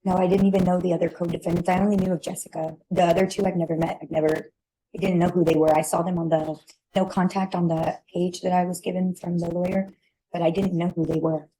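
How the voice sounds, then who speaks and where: A woman giving testimony as a witness in a courtroom, explaining in a halting way. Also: on the low side, flat delivery, mellow, rough recording. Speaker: witness, relative of the defendant.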